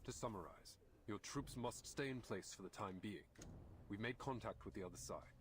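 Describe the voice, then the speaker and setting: A man's voice: on the low side, normal speed, a little hiss or hum, lightly acted. An actor playing a resolute, stern male military commander in a video game, speaking formally and firmly. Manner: formal, firm, clipped. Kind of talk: dramatic video game voice acting. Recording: game dialogue over music.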